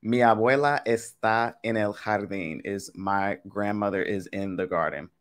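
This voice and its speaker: Streaming a Spanish lesson game live from a home webcam, this young man talks directly to his audience in a chatty, casual way, addressing the chat as y'all. He speaks with a lowish voice at a measured pace.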